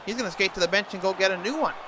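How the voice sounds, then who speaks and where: A man's voice: high voice, very fast, noisy background. A man doing hockey play-by-play commentary in an imitation of a TV sports announcer.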